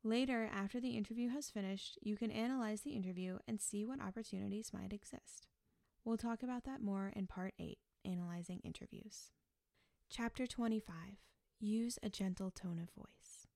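A woman narrates her own nonfiction book in a calm, measured audiobook read. Her voice is mellow and warm, with a steady gravelly fry at phrase ends. The sound is dry and close, with no room around it. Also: mid-range voice, dry recording. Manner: calm, measured, gently explanatory.

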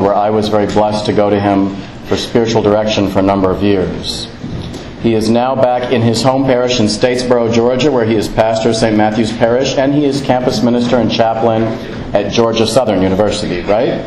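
A man's voice: lowish voice, a little mellow. A man, a priest, giving a formal introduction of a guest speaker to an audience. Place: large reverberant indoor room. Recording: echoey room, clear background noise.

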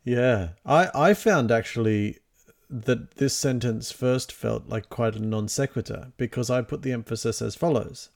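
A man's voice: mid-range voice, unhurried, gravelly, darkish tone. A man in a Bible study discussion, reflecting analytically and explaining his reading of a passage step by step.

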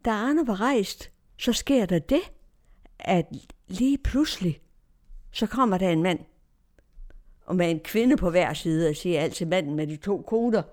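A woman telling a personal story in a lively, anecdotal way, often quoting others as dialogue. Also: on the low side, pauses often. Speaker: churchgoer recounting neighbourhood life.

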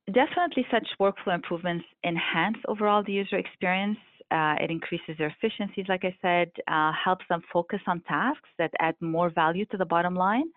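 A woman in her forties from Lebanon, a guest in an interview, who answers in a measured way with frequent ums and uhs. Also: low-pitched, no room sound. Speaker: airline revenue management guest. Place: Montreal office. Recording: tinny phone-like line, dry.

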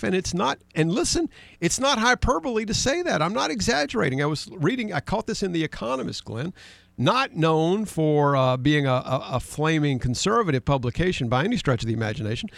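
A man's voice: sits high, big pitch swings, brisk, creaky, no echo. A middle-aged man talks on a political radio show in a slightly raised voice, recorded dry and close with no room sound. He speaks with emphasis, reads headlines aloud and turns often to his co-host by name. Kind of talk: conversational political talk radio.

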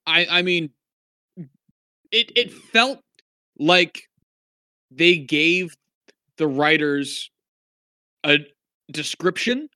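Man, podcast co-host, bright tense voice, rambling casual film talk, dry close sound. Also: on the high side, expressive, drawn-out words, pauses often, smooth, dry recording. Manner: rambling, frequent fillers, wry asides. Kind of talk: casual movie review chat.

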